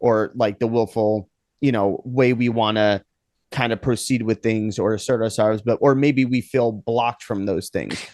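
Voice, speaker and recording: A man's voice: lowish voice, fairly even intonation, unhurried, a little mellow, dry recording, clean studio sound. A man co-hosting a casual podcast, who talks in loose rambling sentences full of fillers. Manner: rambling, lots of fillers like "you know" and "kinda". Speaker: podcast co-host. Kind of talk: casual chat.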